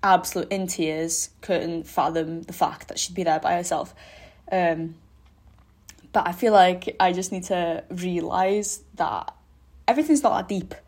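A woman's voice: fairly low pitch, steady tone, a little slow, darkish tone. Rambling, sweary young woman. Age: young adult. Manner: rambling, candid, sweary, self-mocking humour. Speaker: podcast host. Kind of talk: casual solo podcast chat.

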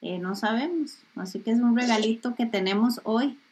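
A woman podcast host interviewing a mother, speaking gently and affirming with frequent backchannel sounds. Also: on the high side, moderate pace, a crowd in the background, poor audio. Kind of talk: conversational interview.

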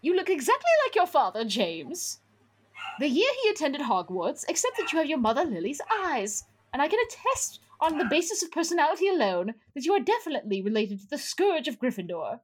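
A woman reading aloud and voicing an exasperated, stern woman professor in a quick, clipped way. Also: sits high, very animated, a little hiss or hum, voice pushed up.

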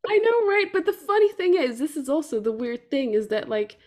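A woman hosting a casual podcast, talking loosely and rambling, thinking out loud as she goes. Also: high-pitched, very animated, brisk. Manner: rambling, loose, lots of fillers and restarts. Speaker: podcast host.

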